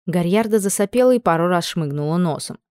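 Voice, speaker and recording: A woman narrating a novel as an audiobook in a steady, even storytelling manner. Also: on the low side, fairly quick, smooth, no room sound, clean studio sound. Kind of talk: scripted narration.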